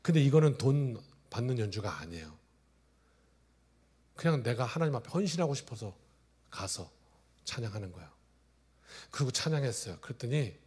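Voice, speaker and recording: A male pastor in his forties preaching a sermon, telling stories, swinging from loud exclamations to hushed asides. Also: mid-range voice, slightly rough. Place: church sanctuary.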